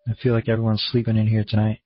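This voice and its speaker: A man with a Maine accent and a husky voice, hosting an online conference call in a casual, rambling, laid-back way. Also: lowish voice, monotone, very fast, dry recording. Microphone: online conference room call. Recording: dull, muffled lo-fi audio.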